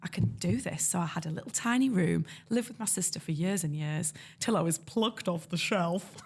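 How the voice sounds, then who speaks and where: A woman with a North East English accent, a guest illustrator, tells stories in a casual interview. Her voice is lowish and breathy-edged at a normal speed, and she's lively, acting out the voices of the people she quotes.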